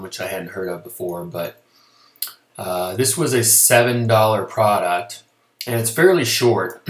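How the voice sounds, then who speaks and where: Deep-voiced man reviewing at his webcam. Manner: relaxed, chatty, many fillers and restarts. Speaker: product review vlogger. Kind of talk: casual product review. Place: small indoor room. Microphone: webcam at desk. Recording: echoey room.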